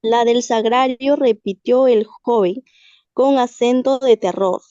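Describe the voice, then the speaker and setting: A woman student reading a literary text aloud in class, halting and restarting on hard words. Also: a little high, mellow, no room sound, dull audio. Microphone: video call.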